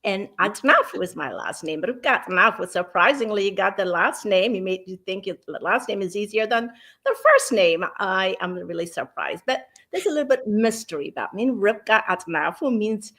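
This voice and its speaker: Woman in her sixties, measured. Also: mid-range voice, lively intonation, fairly bright tone. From Ethiopia. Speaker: guest. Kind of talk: interview conversation.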